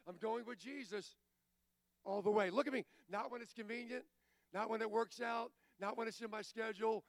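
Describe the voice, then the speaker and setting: A man's voice: sits high, gravelly. A man preaching a sermon as pastor, exhorting the congregation, calling for amens and stumbling into stammered restarts. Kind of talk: sermon with congregation call-and-response.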